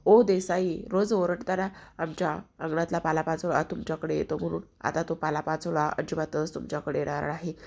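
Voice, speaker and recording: A spiteful, hot-headed man yells and boasts loudly, voiced by a woman retelling the story. The voice stays husky and low, with a gravelly rasp. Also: little pitch movement, brisk. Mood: shouting. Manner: shouting, boastful.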